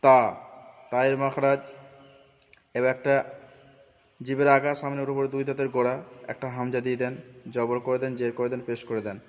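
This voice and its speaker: A man teaching Quran pronunciation, speaking slowly and repeating each letter's sound drill several times. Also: medium pitch, monotone. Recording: dull audio with long reverb.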